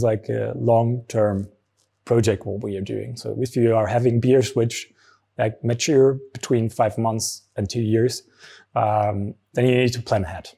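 A man in his thirties with a German accent, a brewery founder answering interview questions in a relaxed way with many fillers, on a lapel mic in a barrel room. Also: mid-range voice, vocal fry, slightly rough. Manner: frequent fillers, relaxed explaining. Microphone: small lapel mic.

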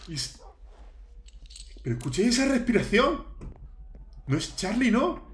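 A man's voice: very high-pitched, sing-song, unhurried, roomy sound. A man narrating his Minecraft play as a youtuber, hamming up fear and shrieking at scares. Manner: dramatic, shrieks in mock fear, talks to viewers. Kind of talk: Halloween let's play, playacted fright.

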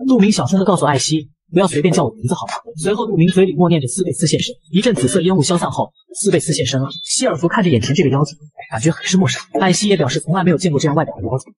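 A man narrating a manga recap in a brisk, breathless scripted delivery. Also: high-pitched, slightly rough.

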